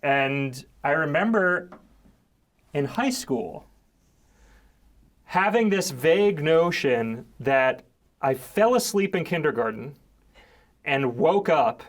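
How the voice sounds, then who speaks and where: A man hosting a casual podcast chat, telling stories in a relaxed, drawn-out way. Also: on the high side. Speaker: podcast host.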